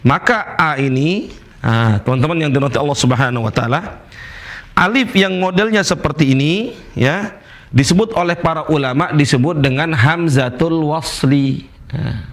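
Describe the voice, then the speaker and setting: A man's voice: a little high, a bit bright. A man teaching a Quran recitation lesson, patiently repeating recited examples and putting questions to his students. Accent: Indonesian.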